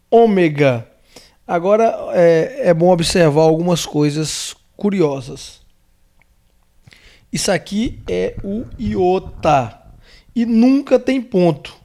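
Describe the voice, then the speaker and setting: A Brazilian man teaching a lesson, walking through letters slowly and carefully, repeating names and checking in with the listener. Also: a little high, mellow. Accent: Brazilian Portuguese. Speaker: theology teacher. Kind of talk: whiteboard lesson on the Greek alphabet.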